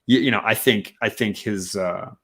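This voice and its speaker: A man co-hosting a casual online chat, relaxed and chatty, often trailing off. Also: fairly low pitch, moderate pace.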